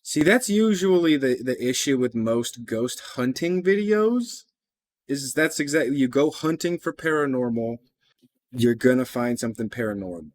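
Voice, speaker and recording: A man's voice: medium pitch, expressive, normal speed, darkish tone, no room sound. A man hosting a reaction video, chatting casually with skeptical asides and the odd swear word.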